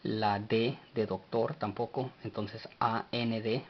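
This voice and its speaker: Man, language lesson, very slow deliberate delivery, spelled-out words, muffled lo-fi sound. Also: lowish voice, fairly even intonation. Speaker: language teacher.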